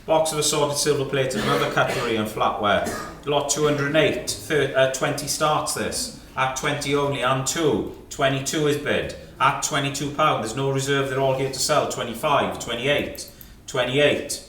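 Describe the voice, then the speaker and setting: A man's voice: medium pitch, moderate pace, hardly any pauses, a bit bright, a little hiss or hum. A British man working as an antiques auctioneer, calling lots and rising bids in clipped numbers with repeated prompts to the room. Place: indoor auction sale room. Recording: echoey sale room, distant microphone.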